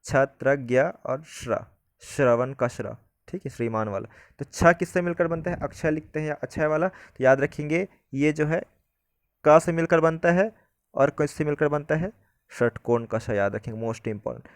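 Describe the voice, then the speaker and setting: A man teaching a Hindi grammar lesson, explaining step by step and often asking whether it is clear. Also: fairly high pitch, normal speed, no room sound, clean studio sound.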